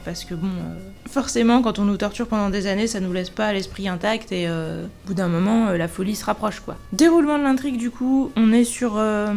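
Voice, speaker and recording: Woman doing a laid-back book review, croaky hoarse voice w lots of fry, kinda thinking out loud. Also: mid-range voice, a little fast, few pauses, soft background music. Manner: informal, hesitant, thinking aloud with trailing asides. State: hoarse from allergies. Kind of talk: casual spoken book review.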